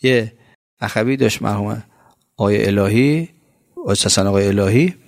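A man with an Iranian Persian accent giving a colloquial religious sermon, talking conversationally and swinging between raised, emphatic lines and low, drawn-out phrases. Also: animated, vocal fry, darkish tone, no room sound, studio quality. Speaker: preacher.

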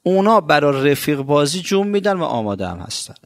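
A man with an Iranian Persian accent giving a colloquial religious sermon, talking conversationally and swinging between raised, emphatic lines and low, drawn-out phrases. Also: sing-song, no echo, studio quality. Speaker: preacher.

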